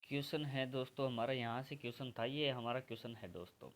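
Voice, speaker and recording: A man from India with a mid-range voice talks fast in a fairly even tone. He teaches English grammar for exams step by step, constantly addressing his viewers as friends.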